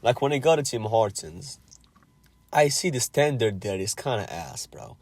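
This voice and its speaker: A young man from Algeria with a fairly low voice, talking over a video chat mic. He asks curious questions and swears freely. The sound is dry and close. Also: lively intonation, normal speed, a little mellow, dry recording. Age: 20s. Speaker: host chatting with strangers online. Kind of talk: casual chat.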